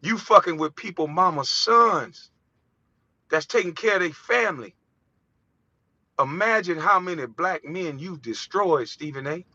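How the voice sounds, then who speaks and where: Heated, bright-voiced man on a rant. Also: sits high, animated, unhurried, no echo. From United States. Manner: heated, ranting, profane, preachy. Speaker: vlogger. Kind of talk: impassioned monologue. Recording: dull, dry lo-fi recording.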